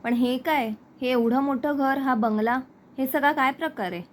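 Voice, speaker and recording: A woman's voice: high voice, moderate pace, slight background noise, lightly acted. A woman reading a possessive young boyfriend. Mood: confronting. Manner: plain reading of quoted lines.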